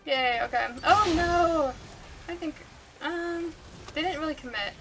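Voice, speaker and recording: A woman's voice: sits high, normal speed, fairly bright tone, slight background noise. A woman livestreamer giving chatty, giggly gaming commentary, laughing often.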